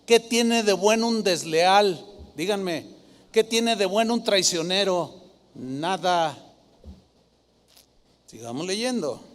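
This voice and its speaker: Male pastor, high-pitched and theatrical, preaching in a reverberant church. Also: slow pace, long pauses. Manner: dramatic preaching, mimics flatterers in a sugary voice. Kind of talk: sermon.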